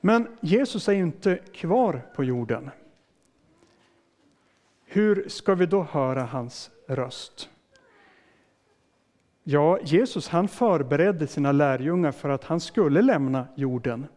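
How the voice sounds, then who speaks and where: A man's voice: fairly high pitch, animated, long pauses, a little mellow. A man preaching a sermon as a pastor, explaining in plain words and putting questions to his listeners. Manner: casual fillers and restarts.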